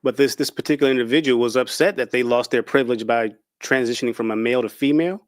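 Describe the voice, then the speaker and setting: A man's voice: medium pitch, fast, no room sound. Probing male host, dry close sound. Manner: probing, questioning. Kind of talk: casual panel discussion.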